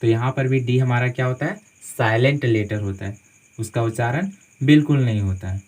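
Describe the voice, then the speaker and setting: Recorded with poor audio quality, this lesson features a man at a moderate pace with a mid-range, somewhat mellow voice. He explains English spelling rules classroom-style, spelling out words one letter at a time, repeating phrases and asking "theek hai" after most points.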